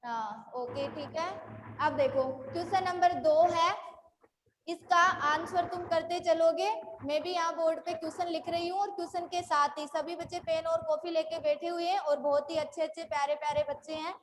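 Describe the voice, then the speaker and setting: A woman teacher, teaching an online class slowly and repeating her own questions back, praising and calling on students. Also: very high voice, fairly even intonation, long reverb tail, a little hiss or hum. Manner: slow and repetitive, asks and answers her own questions; calls students by name and praises them.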